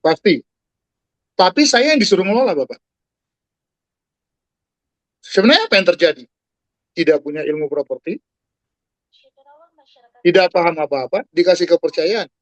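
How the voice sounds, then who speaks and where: Animated, higher-pitched man on a dull video call. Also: no room sound. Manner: animated, preacher-like, addresses listeners directly. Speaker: guest speaker. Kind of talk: talk to an online audience.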